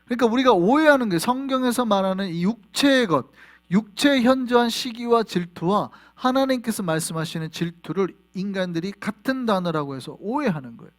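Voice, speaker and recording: A male pastor preaching a sermon in a church, animated and quizzing the congregation with questions. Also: high voice, brisk. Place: church sanctuary.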